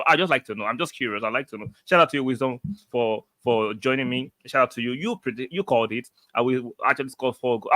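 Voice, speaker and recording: A man's voice: medium pitch, fairly bright tone, no echo. A man hosting a live football reaction stream, talking emphatically, repeating his points and reading out viewer comments. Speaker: football fan livestream host. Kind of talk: excited match reaction livestream.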